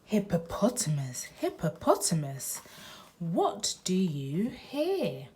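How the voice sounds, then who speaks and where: A woman reading a picture book aloud to small children in an expressive, sing-song, drawn-out way. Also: on the low side. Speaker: children's read-aloud host.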